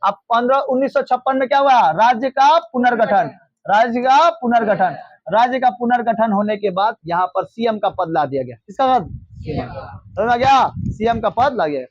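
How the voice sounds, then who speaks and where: A man with a strikingly high voice teaches a class, repeating each point and quizzing the room. The recording is dry and a little muffled. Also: lively intonation, normal speed, no echo. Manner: repetitive, drilling questions, mimics regional speech. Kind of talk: classroom lecture with call-and-response.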